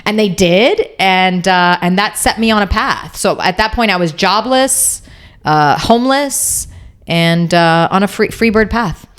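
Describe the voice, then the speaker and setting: A woman's voice: mid-range voice, measured pace, clean tone. A woman co-hosting a podcast, chatting casually in a jokey, rambling way with many restarts. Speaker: podcast co-host. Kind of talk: casual chat.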